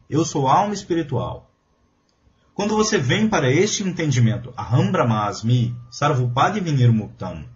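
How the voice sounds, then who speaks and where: Slight background noise accompanies a dull recording of a fairly high-pitched man. He is the voice-over reader of a translated spiritual lecture, delivering it earnestly and emphatically, like a sermon.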